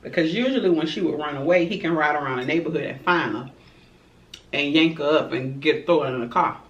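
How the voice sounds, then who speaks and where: A woman's voice: low-pitched, a little fast. A woman telling a dramatic story to her viewers while eating, with chatty asides. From Florida, USA. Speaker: mukbang vlogger. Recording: roomy, distant, dull-sounding home recording.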